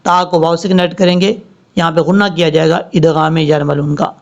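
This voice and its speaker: A male Quran teacher explaining tajweed rules and reciting each word slowly and drawn out. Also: on the high side, little pitch movement. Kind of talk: tajweed lesson with slow recitation. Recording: slightly dull lo-fi audio.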